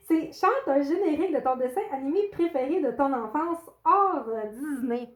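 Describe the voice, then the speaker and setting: A woman talks to her viewers in a casual, halting way, stopping often to gather her thoughts. Her voice sits a little higher than most women's. She is quick to apologize and to make fun of herself. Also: expressive. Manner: hesitant, pauses often with fillers; self-deprecating and apologetic. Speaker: coloring channel host. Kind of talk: casual chat answering a video tag.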